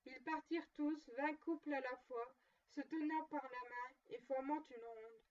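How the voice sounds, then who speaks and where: A woman reading a classic tale aloud with steady, measured narration. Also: high voice. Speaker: reader. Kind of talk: storybook reading. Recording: dull distant lo-fi recording.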